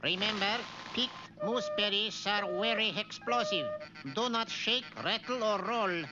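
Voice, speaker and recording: A man's voice: high voice, a little slow. An actor playing a harsh male spy chief who barks curt orders. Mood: bossy. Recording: dull vintage cartoon track with music.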